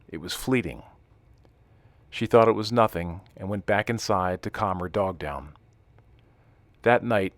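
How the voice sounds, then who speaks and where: Deep-voiced man narrating, dry sound. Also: no echo. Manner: calm, steady reading with hushed dramatic passages. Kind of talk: scripted story narration.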